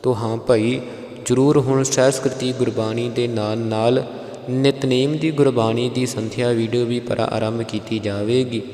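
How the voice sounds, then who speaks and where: A man's voice: medium pitch, steady tone, warm tone. Punjabi man teaching recitation in an echoey room. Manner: chants scripture lines slowly, then explains pronunciation plainly. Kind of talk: religious recitation lesson.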